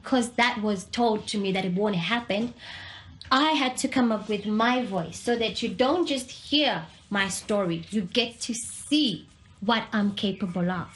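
A woman's voice: mid-range voice, measured pace, a bit bright, a little hiss or hum. Earnest young woman in an echoey room. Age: young adult. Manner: earnest, candid, conversational. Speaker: interviewee. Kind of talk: personal testimony.

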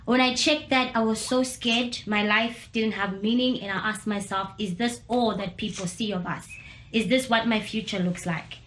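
A woman's voice: mid-range voice, steady tone, normal speed, fairly bright tone, roomy sound, slight background noise. A young woman speaking candidly and earnestly, telling her own story in a conversational way. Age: young adult. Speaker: interviewee. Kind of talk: personal testimony.

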